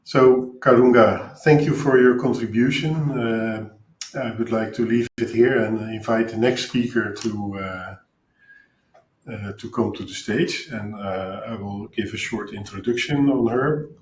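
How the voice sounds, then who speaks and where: A man's voice: fairly low pitch, unhurried, reverberant, slight background noise, poor audio. A man with a Dutch accent moderating an online panel, introducing speakers with many hesitations. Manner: hesitant, filler-heavy introductions. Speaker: webinar moderator.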